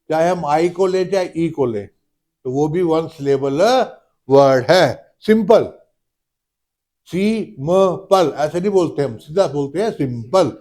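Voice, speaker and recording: A man teaching a grammar lesson, dictating rules slowly and stretching out each word. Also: on the high side, a little mellow. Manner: slow, drawn-out word-by-word dictation, addresses students as beta.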